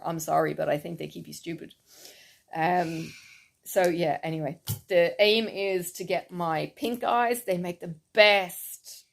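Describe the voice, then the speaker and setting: An Irish woman who vlogs about cross-stitch chats in a casual, rambling way, laughing often. Her voice is on the low side with some vocal fry.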